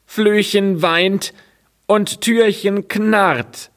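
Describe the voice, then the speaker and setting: Anxious little broom, a man putting it on, high lilting lament, slow delivery. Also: steady tone, a bit bright, full character voice. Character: small anxious talking broom, high-pitched.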